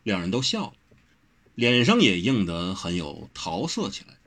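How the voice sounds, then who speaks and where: A man narrating a martial-arts novel as an audiobook, with expressive storytelling. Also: on the low side, moderate pace.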